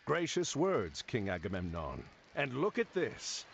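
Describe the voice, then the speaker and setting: A man's voice: medium pitch, wildly swooping pitch, a little slow, vocal fry, slight background noise, heavily acted. An actor playing a heroic male admiral in a video game, speaking formally. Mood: commanding. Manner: formal, declamatory.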